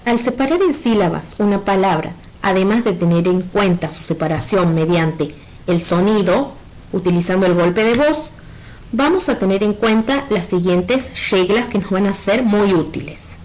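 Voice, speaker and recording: A woman's voice: medium pitch, lively intonation, normal speed, rough recording. A woman primary school teacher giving a recorded virtual lesson, explaining patiently and checking in with her pupils.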